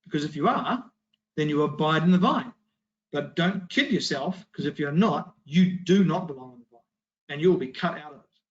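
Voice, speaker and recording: A man's voice: a little high, lively intonation, moderate pace. A man delivers a Bible study in a slightly raised register. His delivery is emphatic, built on rhetorical questions and firm answers. The recording sounds dull and lo-fi.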